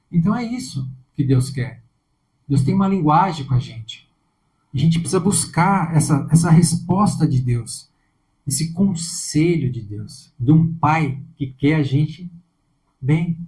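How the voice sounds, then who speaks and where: A man's voice: on the high side, warm tone, low-quality recording. A man preaching a conversational sermon in a Brazilian Portuguese accent, often checking in with his listeners through tag questions.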